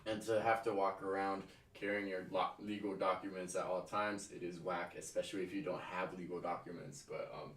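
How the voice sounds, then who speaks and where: A man's voice: deep voice, flat delivery, a little fast, hardly any pauses, a bit bright. A man streaming his reactions to news clips, talking casually, swearing often and laughing through rambling asides. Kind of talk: casual profane stream commentary. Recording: roomy room mic from some distance, faint noise.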